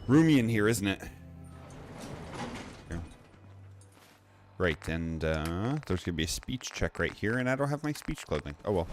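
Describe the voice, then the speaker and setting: A man's voice: low voice, very animated, moderate pace, pauses often, over music. A man giving casual, chatty gameplay commentary, rambling and correcting himself as he plays. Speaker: gaming video creator.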